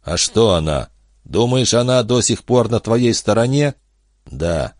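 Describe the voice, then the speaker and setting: A man's voice: fairly low pitch, lively intonation, measured pace, no room sound, clean studio sound, voice pushed up. A man voicing the sardonic inner voice of a bitter, worn-out man tearing himself down in a storybook reading. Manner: sardonic, self-lacerating inner voice.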